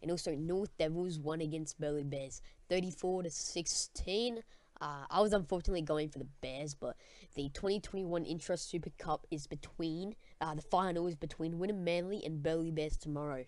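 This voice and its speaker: A teenager or young student with an Australian accent hosts a casual sports chat podcast, talking in a matey, slangy way. The voice sits at medium pitch with a slightly mellow quality and a moderate pace, and there's no echo.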